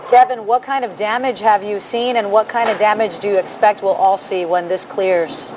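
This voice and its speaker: A woman's voice: mid-range voice, fairly even intonation, moderate pace. Female news anchor over noticeable background noise. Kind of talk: live news interviewing and handover.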